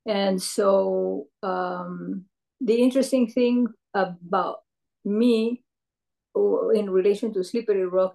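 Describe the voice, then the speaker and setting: Reflecting on her career for an oral history interview, an older Peruvian woman who is a retired professor speaks thoughtfully, pausing often and using fillers. Her voice is medium in pitch, creaky, and warm, though the audio is poor.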